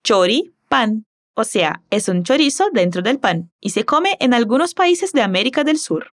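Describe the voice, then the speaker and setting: A woman whose first language is Portuguese leads a Spanish lesson with a fairly high, very lively voice that rises and falls widely. She models each word slowly and carefully, then asks the listener to repeat after her. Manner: slow, careful modeling of words. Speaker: Spanish teacher.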